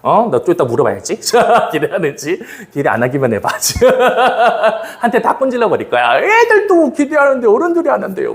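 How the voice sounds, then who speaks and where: Animated, laughing male pastor preaching. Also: sits high. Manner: animated and playful, laughs often between phrases; talks directly to the congregation, asking for amens. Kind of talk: sermon at a Friday evening revival service.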